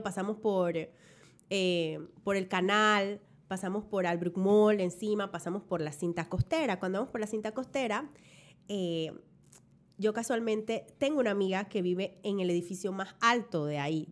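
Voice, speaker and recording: A young adult woman, telling a story in an effusive, animated way as a guest in casual chat. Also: mid-range voice, normal speed.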